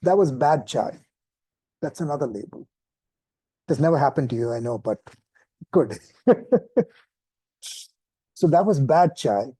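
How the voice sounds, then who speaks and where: A man teaching an informal spoken lesson, relaxed and self-deprecating, often restarting his sentences. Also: mid-range voice, unhurried, long pauses, husky, dry recording. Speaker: meditation teacher.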